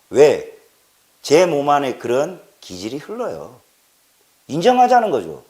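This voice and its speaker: A man from Jeolla who talks in a fairly high, very animated voice. His delivery is emphatic: he repeats words for stress, fires off rhetorical questions and swings from loud to low. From Jeolla, South Korea. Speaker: political commentator. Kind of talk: impassioned political monologue.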